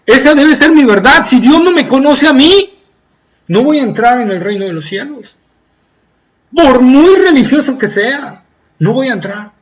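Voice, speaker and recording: A man with a Latin American Spanish accent preaching a sermon, swinging from loud pleading cries to soft hushed tones and acting out the pleas of the faithful. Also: very high voice, animated, measured pace, low-quality recording. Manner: acts out pleading voices of the faithful.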